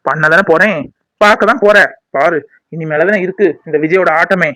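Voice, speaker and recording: A man's voice: high-pitched, moderate pace, sharp tone, no echo, rough recording. A man voicing a jilted young man in a cartoon, bitter and accusing toward the woman who left him.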